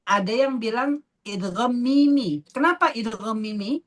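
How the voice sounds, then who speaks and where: A woman teaching a tajwid class, patiently asking students questions and repeating terms slowly. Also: a little high, crowd noise. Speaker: Quran recitation teacher.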